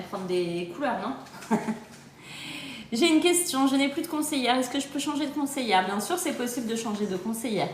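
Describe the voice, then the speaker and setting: A woman's voice: a little high, echoey room, a little hiss or hum. A woman working as a kitchen-appliance sales adviser, chatting casually and cheerfully on a phone livestream and answering viewer comments. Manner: chatty and upbeat, often laughing. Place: on holiday, recorded in an echoey spot.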